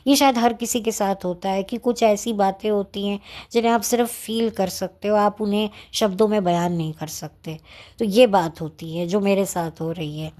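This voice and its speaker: A woman talking to her viewers, unscripted and chatty, slowing herself down on purpose. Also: mid-range voice, steady tone, a little mellow. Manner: slow, deliberate and chatty, speaking without notes. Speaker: YouTuber reviewing films. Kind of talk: unscripted talk to camera.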